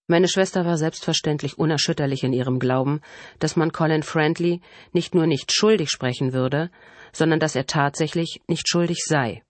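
A woman narrating a first-person novel in a calm, measured audiobook reading. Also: low-pitched, dry recording.

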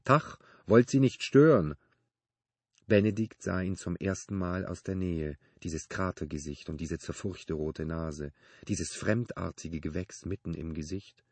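A man narrating a novel in a very deep, husky voice at a steady, measured pace. The recording is dry and close, with no room sound. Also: no echo. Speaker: audiobook narrator. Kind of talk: scripted narration.

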